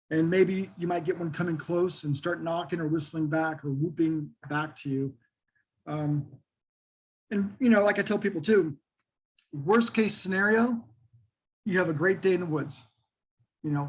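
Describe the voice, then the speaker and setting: A man's voice: high voice, husky, low-quality recording. A middle-aged man, talking casually as an interview guest in a folksy, enthusiastic, emphatic way. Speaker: interview guest, Bigfoot researcher.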